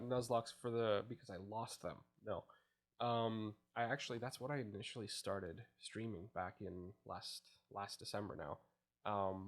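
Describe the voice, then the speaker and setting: A young man chatting as a podcast guest, telling stories with acted-out quotes and frequent laughter. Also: lowish voice. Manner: animated storyteller, laughs often, acts out quotes. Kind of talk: casual chat.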